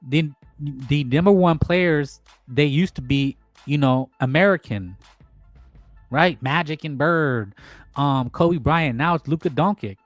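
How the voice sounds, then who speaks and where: A man's voice: fairly high pitch, slow pace, no echo, faint music behind. Man, boxing talk host, rambling casual monologue, emphatic, dry close sound. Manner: rambling, emphatic, repeats himself with fillers.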